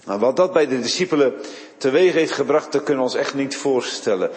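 A man's voice: mid-range voice, lively intonation, a little fast. Preacher man in a reverberant hall. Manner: dramatic storytelling, repeats words as he goes. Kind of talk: sermon retelling a Bible story.

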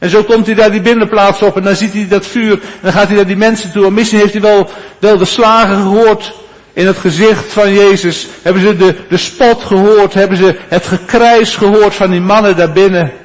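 A man preaching a sermon, repeating his phrases and swinging between hushed, low passages and raised, emphatic ones. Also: steady tone, normal speed. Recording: long church reverb.

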